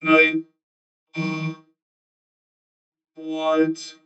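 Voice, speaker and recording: A man's voice: on the high side, monotone, extremely slow, exaggerated voice. A male streamer talking through a voice changer that morphs his voice, playfully trying out silly voices. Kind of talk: casual live-stream banter. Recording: dull lo-fi sound with loud music. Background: music playing.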